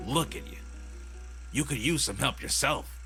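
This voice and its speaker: A man's computer voice reading the game's dialogue, flat and stilted. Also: mid-range voice, normal speed, creaky. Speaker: in-game narrator and characters. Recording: game audio with loud music.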